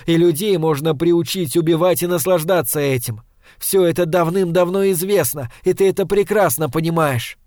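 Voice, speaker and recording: A man reading a composed high-ranking woman. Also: moderate pace, darkish tone, no room sound, clean studio sound, natural voice. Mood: reasoning. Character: composed woman of high rank, cool, then tender. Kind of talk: audiobook character reading.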